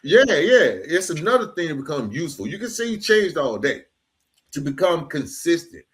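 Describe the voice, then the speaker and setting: With a fairly high, sing-song voice at normal speed, a man hosts a conversational podcast interview. He offers casual, reflective commentary, affirms his guest, and uses slang to underline his points.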